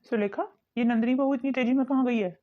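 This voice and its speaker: A woman's voice: high-pitched, fairly even intonation, fast talker, close to an everyday voice. Woman voicing a cartoon father-in-law, older, fair, advising, muffled recording. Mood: calm. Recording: dull lo-fi recording.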